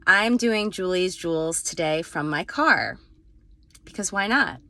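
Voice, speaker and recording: Woman, middle-aged, coach, casual talk in a car, somewhat low pitch, ums and restarts. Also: lively intonation, a little slow, pushed and bright, no echo. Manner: chatty and candid, with frequent ums and restarts. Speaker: executive and leadership coach. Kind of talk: casual vlog talk to camera. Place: inside a parked car.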